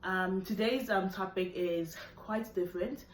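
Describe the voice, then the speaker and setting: A woman's voice: medium pitch, measured pace. A woman, talking earnestly to camera on her vlog, hesitant with many fillers. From South Africa. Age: 20s. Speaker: vlogger. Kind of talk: personal talk to camera. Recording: echoey room, faint background noise.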